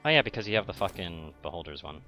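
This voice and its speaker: A man's voice: sits low, expressive, fast, bright, forceful tone, faint music behind. A young man playing a co-op game, chatting casually, swearing and arguing about rules. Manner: argumentative, swears a lot, pedantic about rules. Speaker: co-op gamer. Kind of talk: casual gaming chat.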